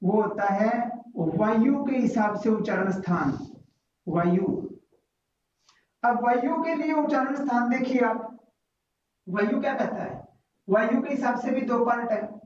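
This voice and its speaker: Slow teacher in an echoey room. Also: male voice, very high voice, a little mellow, slight background noise. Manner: slow, repetitive explaining, reciting letters one by one. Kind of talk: classroom-style grammar lesson. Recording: echoey, muffled room from far off.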